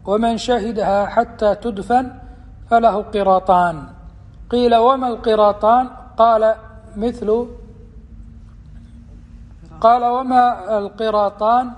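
A man giving a religious lesson, explaining hadith in a measured, deliberate way and slowing down for quotations. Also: high voice, darkish tone. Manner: measured, deliberate explanation with slow quoted passages. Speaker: Islamic teacher. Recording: long hall reverb.

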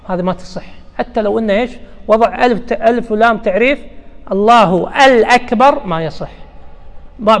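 A man delivers a religious lesson in a high, gravelly voice. He explains patiently and circles back to repeat the important terms. The recording rings with a long reverb, as in a big hall. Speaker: religious teacher.

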